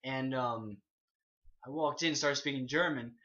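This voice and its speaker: A man's voice: medium pitch, a little slow, sharp tone, muffled recording. A man co-hosting a casual podcast, telling a story hesitantly with many ums and restarts. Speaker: podcast co-host.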